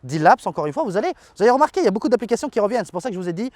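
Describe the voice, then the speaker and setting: A chatty man with a slightly high voice, loosely reading through viewer comments. His talk is informal, full of fillers and slang. The sound is dry and close, with almost no room echo. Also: big pitch swings, very fast, darkish tone. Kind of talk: casual chat.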